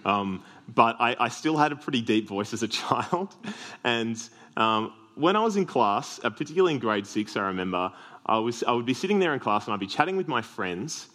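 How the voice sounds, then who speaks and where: A deep-voiced Australian man preaches a sermon earnestly, slipping in self-deprecating humorous asides. His delivery is sing-song and brisk, with a bit of brightness.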